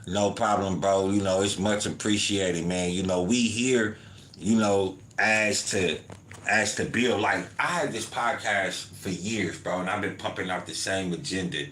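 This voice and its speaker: A man's voice: low-pitched, unhurried, fairly bright tone. A man hosting his own podcast, talking casually with listeners and dropping "you feel me" and "man" into his points. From United States. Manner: loose conversational, lots of "you feel me" and "man". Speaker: podcast host. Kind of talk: casual podcast commentary, reading chat comments. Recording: roomy home recording with faint ambience.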